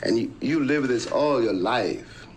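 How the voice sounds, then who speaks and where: A man speaking thoughtfully in a television conversation, measured and searching for his words. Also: medium pitch, lively intonation, rough recording. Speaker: interview guest. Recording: archival broadcast with faint noise.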